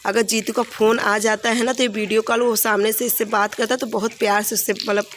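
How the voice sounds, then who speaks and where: A woman's voice: on the high side, level tone, fairly quick, slight background noise. A woman narrating her home vlog in a chatty, rambling way, with many fillers and restarts. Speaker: vlogger. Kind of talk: casual home vlog voice-over.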